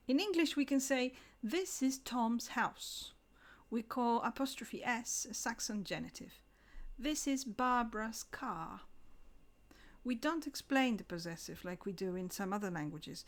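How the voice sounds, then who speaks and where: A woman giving a scripted English lesson, slowing down to pronounce example words carefully. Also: on the high side, expressive. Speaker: English teacher.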